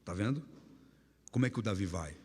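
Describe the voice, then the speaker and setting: A man preaching a lively youth sermon, telling stories with humor and bursting into shouts. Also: on the low side, fairly quick, husky. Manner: animated, humorous storytelling, sudden shouts. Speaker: guest pastor. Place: church hall. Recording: echoey church hall.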